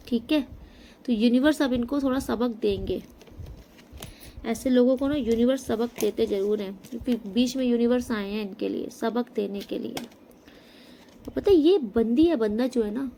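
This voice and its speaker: A woman with a fairly high, mellow voice delivers a tarot reading straight to the listener. She speaks emphatically and keeps checking in with a quick "okay?". Faint noise sits under the recording. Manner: emphatic, addresses viewer directly with frequent "okay?". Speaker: tarot reader.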